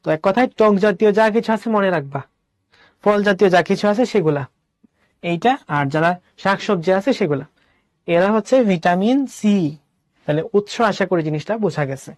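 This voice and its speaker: This studio-quality recording with no room sound features a male teacher with a high-pitched voice talking a little fast in an online class. He mixes English words into Bangla, explains step by step, and asks questions only to answer them himself.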